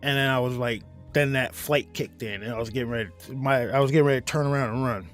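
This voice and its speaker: A man telling a story in a casual chat, animated and profane, breaking into high yelps as he acts out being scared. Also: fast, soft background music. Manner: animated, profane, jumps to loud high yelps when acting out his fright. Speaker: podcast host.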